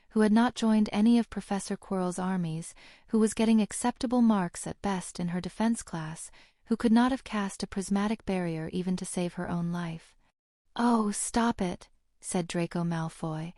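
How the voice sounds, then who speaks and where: A woman reading an audiobook in a steady, even narrating voice. Her tone is mellow and dark. The recording is close and dry, with no room sound. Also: medium pitch, dry recording. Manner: steady, even storytelling delivery.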